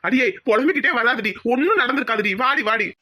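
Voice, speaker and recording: A woman voicing a calm village husband in a cartoon who reassures his worried wife. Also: high voice, full character voice. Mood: reassuring. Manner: soothing, brisk.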